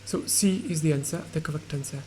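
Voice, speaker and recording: A woman teaching English grammar and pronunciation online, explaining slowly with pauses and fillers. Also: deep voice, warm tone, slight background noise.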